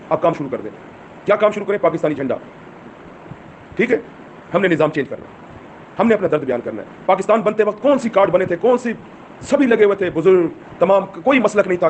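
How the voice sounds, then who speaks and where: A man's voice: fairly high pitch, slight background noise. Impassioned man exhorting his followers. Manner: urgent, exhorting, rhetorical questions. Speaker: movement leader addressing followers. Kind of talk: impassioned speech.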